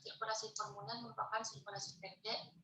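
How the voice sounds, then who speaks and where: A woman's voice: medium pitch, level tone, quick pace, crowd noise. Woman student, echoey and distant. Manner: explains in an orderly way. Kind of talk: answering in an online class. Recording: echoey, distant call audio with noise.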